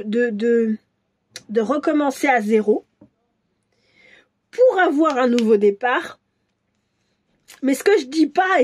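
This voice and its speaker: A woman doing a casual tarot reading for viewers, musing and hesitant, with many restarts and soft asides. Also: sits high. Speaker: tarot reader.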